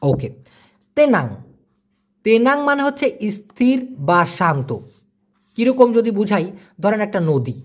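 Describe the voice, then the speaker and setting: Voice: medium pitch, a little mellow, slightly rough. A language teacher gives a casual spoken vocabulary lesson. The teacher repeats each word to drill it and adds jokey, self-mocking asides.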